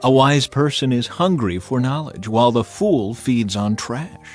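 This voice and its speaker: A man narrates scripture for a dramatized audiobook, his mid-range voice solemn, measured and expressive, with soft music playing in the background.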